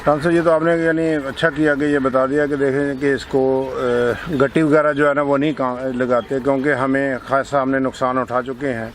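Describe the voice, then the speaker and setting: A man's voice: mid-range voice, little pitch movement, hardly any pauses, slight background noise. A man with a Pakistani Punjabi accent, hosting an interview outdoors and politely asking detailed questions. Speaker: host interviewer. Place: outdoors on a farm.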